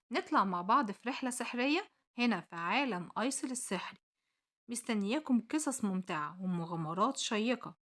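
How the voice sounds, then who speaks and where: A woman's voice: mid-range voice, sharp tone. A woman with an Egyptian accent hosting and telling stories to children in a playful way, asking them questions as she goes. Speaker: children's storyteller and host. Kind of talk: animated children's storytelling.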